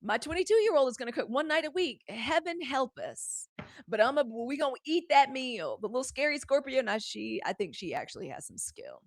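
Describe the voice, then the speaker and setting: Brief: woman in her forties, live-stream host, lively and candid, talks to viewers, dry close sound. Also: sits high, brisk, few pauses, no room sound. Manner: animated, chatty, talks straight to viewers. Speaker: host of a live news show. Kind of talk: casual live-stream commentary.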